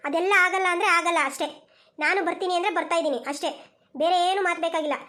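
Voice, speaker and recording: A woman's voice: extremely high pitch, steady tone, racing, bright, forceful tone. A woman voicing a stubborn, quarrelsome elderly mother-in-law in a village cartoon, who talks insistently and repeats herself. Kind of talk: cartoon voice acting.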